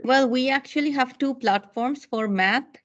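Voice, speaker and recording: A woman's voice: high-pitched, a little slow, highs cut off. A woman homeroom teacher talking with parents in an online meeting, polite and reassuring. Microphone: video call.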